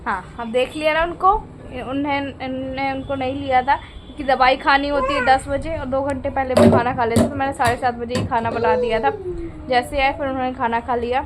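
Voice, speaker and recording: A young woman with a high voice talks through her day on a home vlog, chatty and confiding, often repeating herself. She is recorded on a phone at home, with clear background noise behind her. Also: fairly even intonation, a little fast. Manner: chatty and confiding, repeats herself, coos sing-song at a baby. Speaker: vlogger. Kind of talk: casual home vlog chat. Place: at home indoors.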